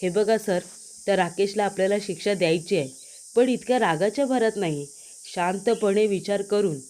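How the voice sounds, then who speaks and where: A woman's voice: mid-range voice, normal speed, mellow, close to an everyday voice. A woman voicing a young woman who pleads and soothes an angry man in a retold TV drama. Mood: pleading.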